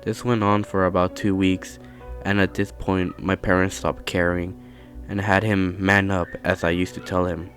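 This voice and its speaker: A man narrating a scary story in a calm, measured storytelling manner. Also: low-pitched, faint music behind. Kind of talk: scripted horror narration.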